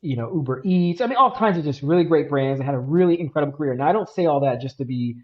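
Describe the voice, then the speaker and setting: A man's voice: a little high, lively intonation, quick pace, highs cut off. A man co-hosting a podcast and telling his story in a casual, earnest way with lots of filler words. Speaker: podcast co-host.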